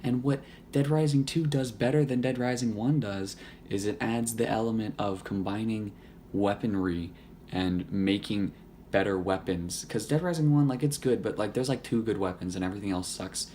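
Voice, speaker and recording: Young male YouTuber, hoarse with little voice left, low-pitched, loose and profane, slight room hum behind. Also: normal speed, warm tone. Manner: rambling, profane and joking. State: hoarse, voice nearly gone. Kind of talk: casual gaming chat to camera.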